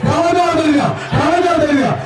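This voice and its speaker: A man announcing live at a bull-taming event, shouting repeated excited calls through a loudspeaker PA in an outdoor arena. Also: unhurried, heavy background noise. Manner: repeats short calls, loud excited urging. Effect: booming through a loudspeaker PA. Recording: echoey distant PA with a loud crowd.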